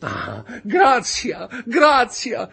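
A man's voice: mid-range voice, huge pitch swings, normal speed, fairly bright tone, breathy edge, soft background music, voice pushed up, exaggerated voice. A man voicing a cowardly male bandit who stammers, whines and pleads. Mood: begging.

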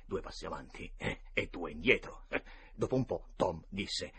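Husky male audiobook narrator, lively storybook reading. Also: sits low, moderate pace. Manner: animated, dramatic.

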